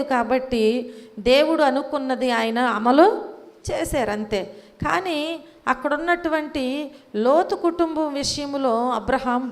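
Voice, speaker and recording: A woman preaches a sermon in a high voice and a slow, deliberate rhythm. She keeps asking the congregation questions and repeats her key phrases for emphasis. Her voice carries a long reverb from the church hall.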